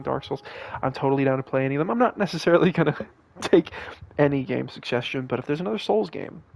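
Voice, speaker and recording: Tired, rambling gravelly young man. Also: on the high side, lo-fi sound. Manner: rambling, swears casually, many fillers and restarts. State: tired, yawning. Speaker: gaming streamer. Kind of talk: casual live-stream commentary. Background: game music underneath.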